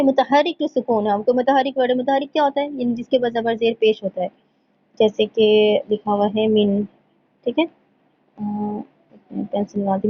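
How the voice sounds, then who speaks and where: Woman teacher for an online lesson, fairly high voice, dull lo-fi sound, slow reading of points, frequent check-ins. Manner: explains in Urdu, reads English points slowly from slides; checks in often with "theek hai". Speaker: tajweed teacher.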